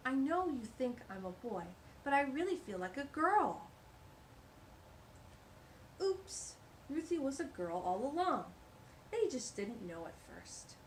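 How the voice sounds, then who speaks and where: This rough recording, with slight background noise, features a woman whose voice sits a little high. She reads a picture book aloud to small children in an animated, warm sing-song, pausing for friendly asides about the pictures as a storytime reader.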